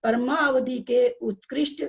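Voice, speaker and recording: A woman teaching a scripture class, speaking slowly and repeating sentences so listeners can take notes. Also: sits high, fairly even intonation, gravelly, slightly rough, muffled recording. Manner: slow, repeating sentences for note-taking.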